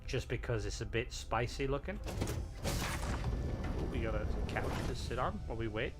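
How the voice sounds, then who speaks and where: A man hosts a live game stream at medium pitch and normal speed, his voice expressive. He tours builds and rates them, chatting casually and playfully in a rambling way packed with fillers. Faint game music plays in the background.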